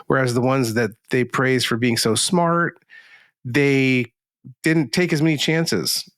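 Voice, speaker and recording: A man in his thirties co-hosting a podcast, speaking haltingly with many restarts. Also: mid-range voice, fairly even intonation, fairly bright tone, no room sound, studio quality. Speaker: podcast co-host. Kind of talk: casual podcast chat.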